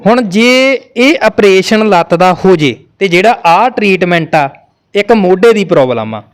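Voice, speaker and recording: A male reporter speaks earnestly to camera from a family's home. His voice sits high, and he consoles the people around him. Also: animated, moderate pace. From Punjab. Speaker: reporter host. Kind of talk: on-location report.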